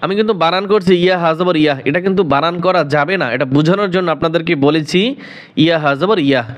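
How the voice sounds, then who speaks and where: A man teaching Quran recitation to learners. He spells words out letter by letter in Bangladeshi Bengali, then chants them in a drawn-out recitation. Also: fairly high pitch.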